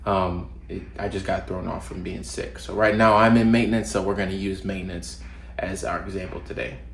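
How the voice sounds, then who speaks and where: A deep-voiced man, stuffy-nosed from a cold, talks briskly to camera with vocal fry, giving casual advice as a fitness vlogger. His delivery is relaxed and loose, full of fillers and restarts. The home recording is roomy, with faint ambience and a little hiss or hum.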